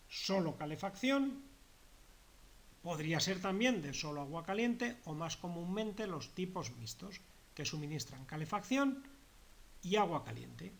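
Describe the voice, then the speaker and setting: A man lectures on a technical subject at a methodical pace. He often repeats himself and rephrases terms. His voice sits a little high for a man. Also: a bit bright. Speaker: heating course instructor.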